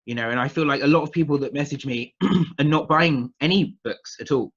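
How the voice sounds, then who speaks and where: Here the witchcraft practitioner, a thirtysomething Englishman from near London with a southern accent, rambles hesitantly through a casual guest interview. His voice sits a little high and moves fairly quickly, fairly bright with a breathy edge, and the highs are cut off.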